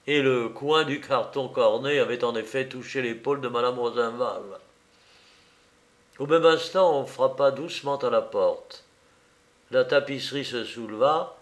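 A man narrating a classic novel as an audiobook, reading with lively expression. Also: medium pitch.

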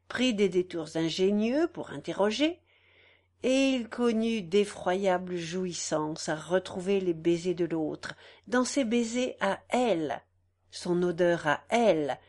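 A woman narrating a novel in a dramatic, measured audiobook reading, pausing between phrases. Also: fairly low pitch, a little mellow.

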